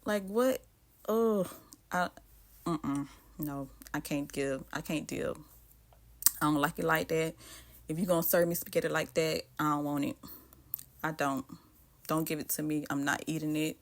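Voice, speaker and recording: A woman from the American South with a Southern accent and a slightly low-pitched voice. She chats casually while cooking, speaking straight to her viewers with plenty of friendly asides. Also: steady tone, normal speed, long pauses. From Southern United States. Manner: chatty, talks straight to viewers with frequent asides. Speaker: cooking vlogger.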